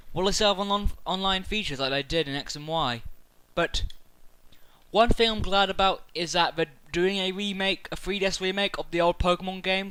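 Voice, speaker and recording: A man talking excitedly to camera about a video game, rambling through his theories with many fillers and restarts. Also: high voice, clean tone, no room sound, rough recording. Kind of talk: casual speculative chat to camera.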